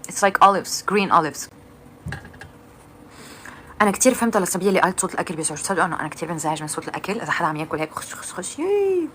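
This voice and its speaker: A woman's voice: lowish voice, very fast, pauses often, a bit bright, slight background noise. Young woman, live streamer, loose chatty delivery, answers viewers between bites, on a phone mic. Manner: chatty, answers viewers while eating, mixes in English. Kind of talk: casual live-stream chat.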